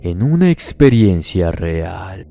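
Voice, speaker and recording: A man reading a horror story aloud in a steady, measured first-person telling as the channel's narrator. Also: sits low, creaky.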